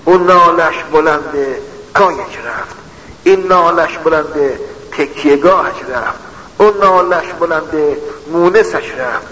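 Preacher guy giving a sermon, bright edgy voice, big hall echo, faint hiss behind. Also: fairly high pitch. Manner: measured, repeating a refrain for emphasis. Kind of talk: religious sermon. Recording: echoey hall, dull lo-fi sound.

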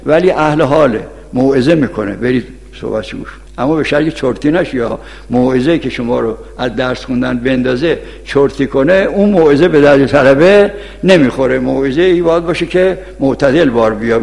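Gravelly man giving an ethics sermon. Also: on the high side, darkish tone. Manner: admonishing, storytelling, quotes sayings of scholars. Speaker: cleric teaching seminary students. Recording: long hall reverb.

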